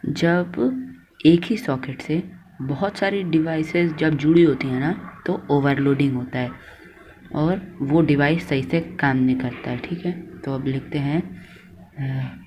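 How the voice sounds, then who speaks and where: A man's voice: on the high side, unhurried, a little mellow, a little hiss or hum, rough recording. A man teaching a lesson, dictating notes to students word by word and correcting his own slips. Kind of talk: slow classroom lesson.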